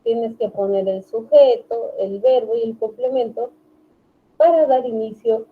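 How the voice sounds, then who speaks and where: Slow-speaking woman teacher, tinny audio. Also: fairly high pitch. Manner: patient, checks understanding with repeated "¿sí?"; reads English examples slowly. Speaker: English teacher. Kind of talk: online class explanation. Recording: tinny phone-like online class audio.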